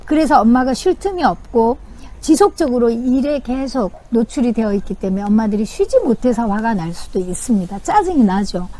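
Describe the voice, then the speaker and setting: A woman's voice: on the high side, lively intonation, brisk. A woman parenting coach giving casual advice outdoors, speaking straight to the viewers as she explains. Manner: warm explaining, addresses viewers directly. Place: outdoors in nature.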